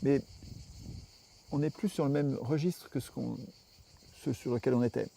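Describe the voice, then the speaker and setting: A man's voice: mid-range voice, fairly even intonation, normal speed, gravelly, mellow. A French man, interviewed, explaining his political views at length with emphatic reasoning and frequent restarts.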